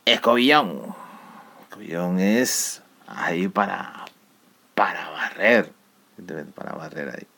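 A podcast host speaks with a Canarian Spanish accent and walks through island slang one word at a time. His voice is fairly low but has a bright, forceful edge. Between words he often slips into quiet, half-whispered asides. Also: normal speed, creaky. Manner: lively, drops often into near-whispered asides. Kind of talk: casual explanation of local slang.

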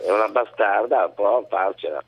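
A sick, feverish man calling into a radio show as a comedian guest, answering slowly in short phrases with a chuckle now and then. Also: slightly rough, no echo. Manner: slow, low-energy, short replies with chuckles. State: feverish, unwell. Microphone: phone line. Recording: tinny phone line.

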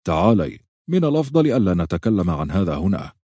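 A man voicing a stern, protective knight who speaks in curt, sharp commands in an audiobook. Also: low-pitched, big pitch swings, fast talker, slightly rough, no room sound, clean studio sound, exaggerated voice. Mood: grave.

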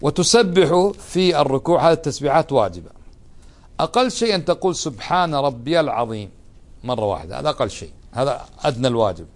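A man's voice: medium pitch, lively intonation, quick pace. A man teaching a religious lesson, often putting questions to his students. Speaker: Islamic teacher.

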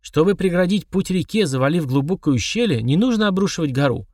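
A man's voice: high voice, animated, a little mellow, dry recording, clean studio sound, voice pushed up. Tekui, a man voicing a solemn old dwarf elder. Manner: solemn, unhurried, proverb-like speech. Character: wise gentle old male dwarf elder.

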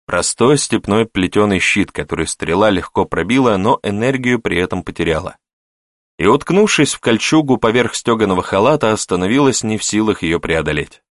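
A man reading an adventure novel aloud as an audiobook narrator, with steady, measured storytelling. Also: lowish voice, dry recording, studio quality. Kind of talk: scripted narration.

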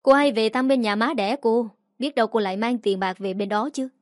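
A woman doing a sharp-tongued mother-in-law. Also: a little high, fairly quick, no room sound, studio quality, lightly acted. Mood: scornful. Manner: scolding, sarcastic.

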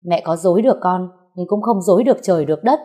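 Storybook: earnest young husband, firm and pleading, voiced by a woman reader, low and mellow. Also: fast talker, slightly rough. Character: earnest young husband defending his wife.

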